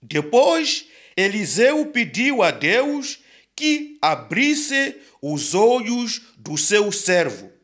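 Very slow, expressive storybook narrator. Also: male voice, sits high.

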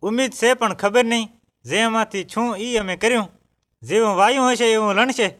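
A man's voice: high-pitched, normal speed, a bit bright. A man in a scripted religious dialogue, speaking somberly and asking questions about death. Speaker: grieving villager.

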